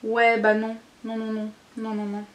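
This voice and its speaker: Casual woman vlogger chatting about makeup, kinda high voice, roomy echo, lots of euh and oh là là. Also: completely flat delivery, measured pace. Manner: chatty and candid, with frequent fillers and groaning exclamations. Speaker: beauty vlogger. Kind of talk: casual makeup review chat. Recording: echoey room, faint noise.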